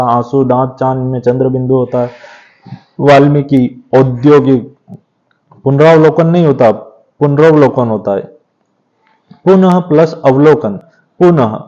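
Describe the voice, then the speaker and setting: Man teaching grammar, mellow and dull-toned. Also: mid-range voice. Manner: steady explanatory tone with frequent tag question "है ना". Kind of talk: exam revision lecture. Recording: dull lo-fi sound.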